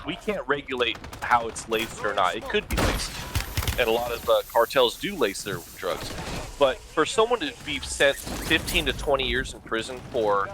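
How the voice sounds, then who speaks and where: A man's voice: mid-range voice, animated, normal speed. A man chatting with a friend while they play a game, emphatic and profane, sounding indignant. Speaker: gaming friend. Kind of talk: casual gaming chat. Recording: noisy game audio behind. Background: gunfire.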